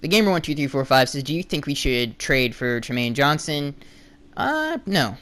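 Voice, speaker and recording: A young man hosting a casual solo podcast, answering fan questions bluntly with lots of restarts, his voice going hoarse. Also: medium pitch, fairly quick, a bit bright. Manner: rambling, restarts and fillers, blunt opinions. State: losing his voice.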